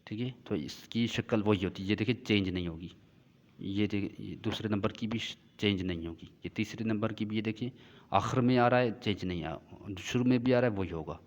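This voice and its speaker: A male teacher giving a classroom lecture, explaining slowly and repeating points as he checks that the class follows. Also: fairly low pitch. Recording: dull lo-fi sound with long reverb.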